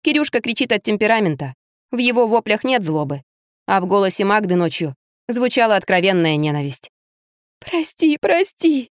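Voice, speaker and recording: A woman narrating a story in a steady storytelling manner. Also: mid-range voice, brisk, no echo, clean studio sound. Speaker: audiobook narrator. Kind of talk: scripted narration.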